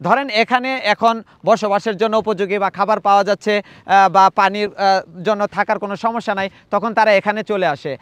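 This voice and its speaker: A man narrating a casual travel vlog outdoors from a safari vehicle, excited and sometimes hushed while he films wildlife. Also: sits high, moderate pace, smooth, no echo. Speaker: travel vlogger.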